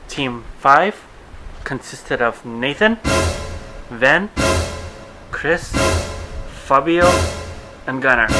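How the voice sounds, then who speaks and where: A man's voice: on the high side, low-quality recording. A man with a Russian accent recapping a TV episode in a chatty, rambling vlog full of asides. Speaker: vlogger reviewing a TV show.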